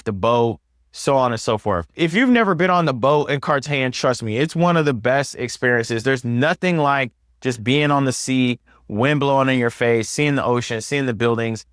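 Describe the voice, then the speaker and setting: Man, mid-pitched voice, casual explainer tone, step-by-step, dry close recording. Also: fairly bright tone, clean tone, dry recording. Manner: upbeat, conversational, explains step by step. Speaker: personal finance video host. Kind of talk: explanatory talk to camera.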